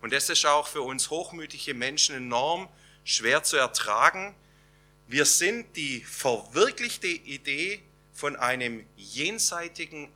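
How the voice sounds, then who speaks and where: A man preaching a sermon, slow and emphatic, with dramatic pauses between phrases. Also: mid-range voice, pushed and bright.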